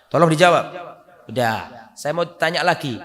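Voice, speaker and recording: Emphatic preacher man in a reverberant hall. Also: moderate pace. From Indonesia. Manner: emphatic, rising to loud stress then dropping low. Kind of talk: sermon.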